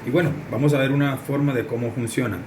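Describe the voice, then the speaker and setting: A man's voice: mid-range voice, fairly even intonation, fast, background noise. A man, teaching a recorded English lesson and explaining directly to his students.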